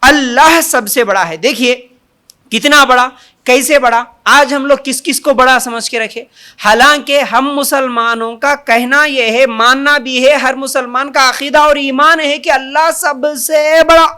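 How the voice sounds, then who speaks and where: An Islamic preacher delivers an Urdu sermon in a very high-pitched, bright, forceful, smooth voice with fairly even intonation. He is emphatic, building long repeated lists and rhetorical questions and drawing out his takbir calls proclaiming God's greatness.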